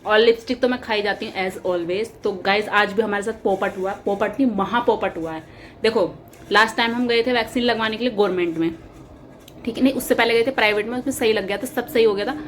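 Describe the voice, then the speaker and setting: A woman's voice: medium pitch, brisk, a little hiss or hum. A young woman vlogging at home by an open balcony, chatting casually and repeating herself as she complains playfully. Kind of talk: casual vlog chat. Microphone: camera on a tripod.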